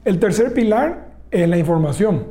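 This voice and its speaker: A man's voice: sits high, expressive, normal speed, dark tone. A man, a telecom executive in a business interview, laying out his points one by one. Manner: explains point by point, enumerating pillars.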